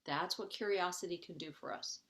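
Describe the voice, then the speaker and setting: A woman's voice: fairly low pitch, moderate pace, fairly bright tone. A middle-aged woman life coach teaching a webinar for parents. She is earnest and conversational, often checks in with "okay?", and acts out her own inner voice as she explains each step.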